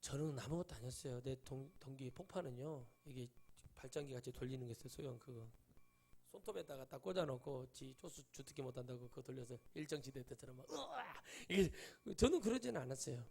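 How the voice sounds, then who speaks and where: A middle-aged man preaching a sermon as a pastor in a church, telling stories in casual speech, acting out the voices of people he quotes and breaking into sudden loud bursts. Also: medium pitch, animated, fast talker, creaky. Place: church sanctuary.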